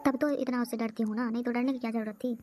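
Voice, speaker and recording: A woman voicing an anxious, hardworking young housewife in a comedy cartoon, talking in hurried, worried chatter. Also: on the high side, fairly even intonation, loud music behind the voice, close to an everyday voice. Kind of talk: cartoon voice acting.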